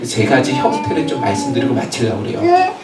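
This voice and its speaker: A male pastor delivering a sermon, lively and loud, shouting out prayers as he tells the story. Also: medium pitch, a little fast, heavy background noise. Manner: animated, shouts and acts out prayers. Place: church sanctuary. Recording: roomy church hall, voice from a distance. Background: congregation reading along.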